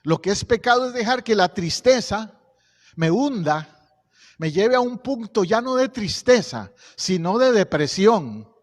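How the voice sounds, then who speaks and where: Male pastor, high voice, conversational sermon, echoing church hall. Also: big pitch swings, unhurried. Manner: conversational preaching, asks the congregation questions. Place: church sanctuary.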